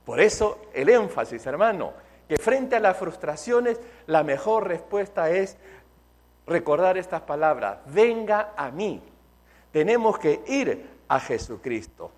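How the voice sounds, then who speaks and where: Lively high-voiced male preacher. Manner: emphatic preaching, slows for key phrases. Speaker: pastor. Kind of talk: sermon.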